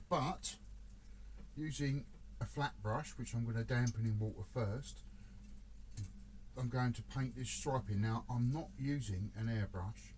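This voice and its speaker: A man's voice: medium pitch, darkish tone, a little hiss or hum, poor audio. A man casually talking through a model ship build, chatty and self-deprecating, muttering to himself as he works.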